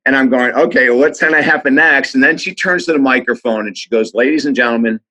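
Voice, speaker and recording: Briskly and with lots of enthusiasm, this author and speaker tells stories on a podcast, performing the voices of those he quotes. He has a medium pitch and a pushed, bright sound, though the recording quality is poor.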